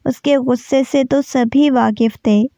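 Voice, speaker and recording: A woman reading a romance novel aloud in a steady, even storytelling narration. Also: sits high, no echo. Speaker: novel reader. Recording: dull lo-fi recording.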